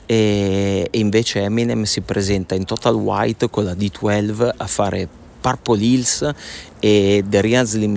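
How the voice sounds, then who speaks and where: A man co-hosting a podcast in a relaxed, slightly rambling chat. He is heard on poor-quality audio recorded out on the street. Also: on the low side, gravelly. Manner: relaxed, a little rambling, with hesitant fillers. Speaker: podcast co-host. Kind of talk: casual chat. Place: outdoors in the middle of a street.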